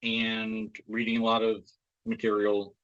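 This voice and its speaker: A man with a smooth, clear voice speaks slowly and hesitantly in casual, understated chat. The microphone sounds a little dull. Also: lowish voice, monotone, a bit bright, dry recording. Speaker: tabletop player. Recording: slightly dull, dry microphone.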